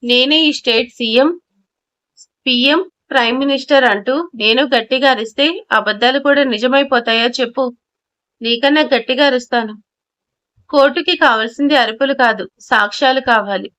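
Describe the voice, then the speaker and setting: A woman's voice: sits high, normal speed, fairly bright tone, lo-fi sound. A woman doing a pushy male lawyer. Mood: mocking. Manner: mocking, interrogating.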